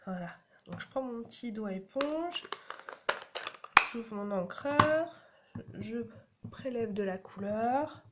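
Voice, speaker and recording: A woman's voice: fairly high pitch, lively intonation, slow pace, pauses often. A woman, chatting through a card-making tutorial and explaining each step as she works. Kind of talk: casual crafting tutorial. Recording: audible background noise.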